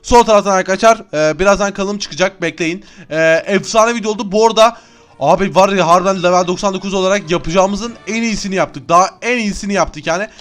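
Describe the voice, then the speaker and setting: A young man giving excitable, chatty let's-play commentary as a gaming YouTuber, yelling often. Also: high-pitched, fast talker, faint music behind.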